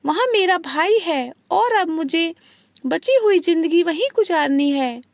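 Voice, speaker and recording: A woman's voice: extremely high pitch, lively intonation, unhurried, no echo, heavily acted. A woman voicing an angry, stubborn elderly mother-in-law in a read-aloud story, scolding in a plain reading voice.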